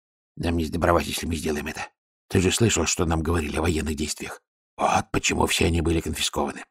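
A man voicing a frightened male guard who talks in a hurried whisper. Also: extremely low pitch, level tone, breathy edge, no room sound, clean studio sound, exaggerated voice. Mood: hushed.

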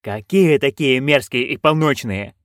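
A man voicing a fretful, commanding dwarf stage director who drills his troupe with slow, barked questions in an audiobook. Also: mid-range voice, a bit bright, no room sound, clean studio sound, natural voice. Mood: drilling. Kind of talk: audiobook narration.

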